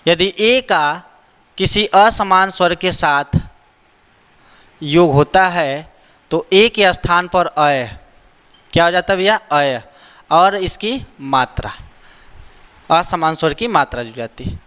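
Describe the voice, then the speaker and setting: A man's voice: sits high, slow, long pauses, fairly bright tone, clear, resonant tone, big-room sound. A man teaching a grammar lesson, repeating the rules and asking rhetorical questions to check that students follow. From India.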